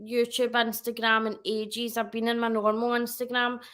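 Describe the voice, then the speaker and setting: Chatty bright-voiced woman. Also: a little high, monotone, normal speed. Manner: chatty, rambling, self-correcting. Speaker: guest. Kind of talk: casual livestream chat.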